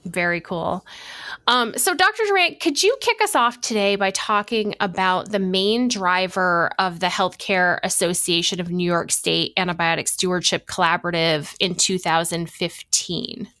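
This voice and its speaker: A woman's voice: lowish voice, moderate pace, sharp tone, no echo, studio quality. A woman hosting an interview podcast, reading a guest introduction and asking friendly questions. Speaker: podcast host.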